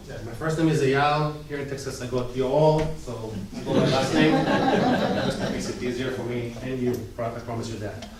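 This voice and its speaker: A man with an Israeli accent and a medium-pitched voice gives a casual, joking guest talk to a small audience in a coworking space event room, adding short chatty asides. The room echoes, the mic is distant, and there's background noise.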